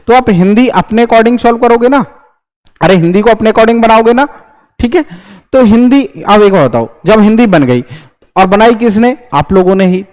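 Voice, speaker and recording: A young man teaching English grammar in Hindi, lecturing to students and firing quick questions he answers himself. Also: sits high. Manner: lively, repeats checks like "understood?". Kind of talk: classroom lecture.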